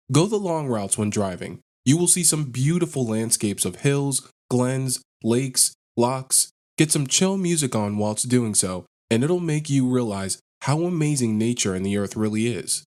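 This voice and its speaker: A man narrating online posts in a flat, list-like read-aloud delivery, as a scripted narration. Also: mid-range voice.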